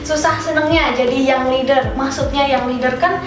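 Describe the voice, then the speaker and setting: A woman's voice: sits high, steady tone, normal speed, recorded from a distance. A woman in her late twenties hosting a casual interview, playful and teasing, laughing a lot. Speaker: host. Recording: roomy echo from off-mic with background music.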